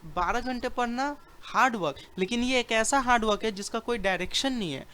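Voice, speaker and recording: A man's voice: very high voice, a little fast, sharp tone, clean tone. Emphatic man lecturing students. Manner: emphatic, repetitive, asks rhetorical questions, colloquial. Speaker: study skills speaker. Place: auditorium.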